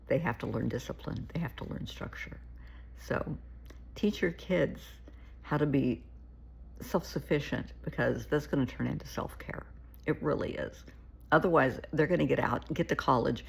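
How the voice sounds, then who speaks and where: With a bass voice made gravelly and shaky by a cold she's getting, a woman therapist offers casual, heartfelt advice to camera. She tends to plead and repeat herself.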